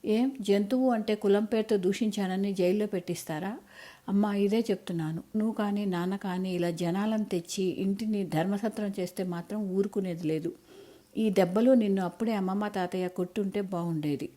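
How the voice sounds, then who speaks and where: A woman voicing an angry young college-age daughter with a sharp, accusing, scornful way of talking in an audiobook story. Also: mid-range voice, steady tone, fairly quick, close to an everyday voice.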